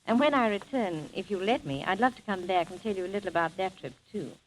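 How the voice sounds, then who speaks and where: A fast-talking woman with a mid-range voice tells travel stories in polished, formal fashion. She is the guest traveller and film-maker in a scripted 1930s radio interview, and the old broadcast carries a faint hiss.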